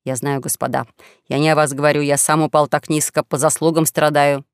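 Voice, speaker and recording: A man's voice: fairly high pitch, level tone, fairly quick, smooth, dry recording, studio quality, pitched below the performer's own voice, natural voice. A man voicing a young con-man who plays a wronged duke, mournful and grandiose. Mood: self-pitying. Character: young male con-man posing as a tragic duke, self-pitying.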